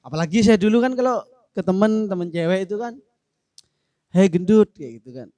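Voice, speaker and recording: A man's voice: high voice, animated, fast, dark tone, dry recording. A man in a casual discussion, answering in a playful, joking way. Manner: playful, joking, acts out example phrases. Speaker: discussion speaker answering a question.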